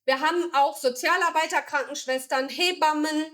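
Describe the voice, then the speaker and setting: A woman's voice: high voice, moderate pace, sharp tone. A woman from Germany, founder of a charity, explaining its work in a casual interview with many fillers and restarts.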